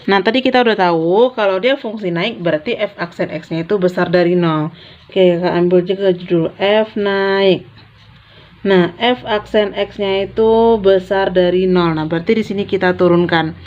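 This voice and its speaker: A math tutor with a mid-range voice walks through problems step by step at a moderate pace and in a steady tone. She sounds like an informal big sister, repeating key phrases as she writes, and the audio is dull and lo-fi.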